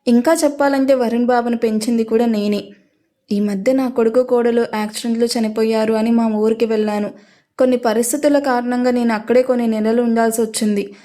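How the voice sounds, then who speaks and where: A woman voicing an elderly, motherly nanny who speaks gently and soothingly in a narrated story. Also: a little high, fairly even intonation, fairly quick, close to an everyday voice. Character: elderly woman, the family's warm old nanny.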